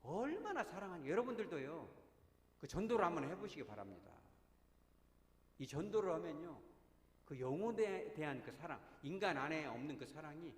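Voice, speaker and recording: A man's voice: fairly high pitch, sing-song, normal speed. A man preaching a sermon as pastor, talking emphatically and drawing his congregation in with frequent rhetorical questions. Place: church sanctuary. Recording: echoey church hall with long reverb.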